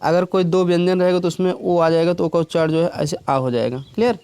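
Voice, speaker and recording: Male teacher, high and clear voice, patient step-by-step explaining, dry room. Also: steady tone, fast talker, warm tone, no echo. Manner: explains step by step, often checks with "clear?" and "theek hai". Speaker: English teacher. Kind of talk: classroom lesson.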